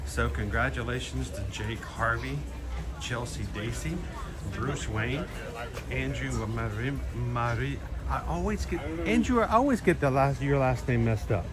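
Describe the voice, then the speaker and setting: A man's voice: medium pitch, unhurried. Male livestream host with trouble pronouncing R's. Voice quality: speech impediment, trouble pronouncing R sounds. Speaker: live stream host. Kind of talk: casual livestream chat. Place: outdoors in an animal theme park. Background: music, outdoor park.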